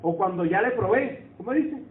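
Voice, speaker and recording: A man preaches in a high voice, talking with the congregation and asking them for agreement. The sound is thin and phone-like, with a roomy echo around it. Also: expressive, normal speed. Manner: conversational, asks the congregation for agreement. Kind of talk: sermon. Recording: echoey room over a tinny phone-like line.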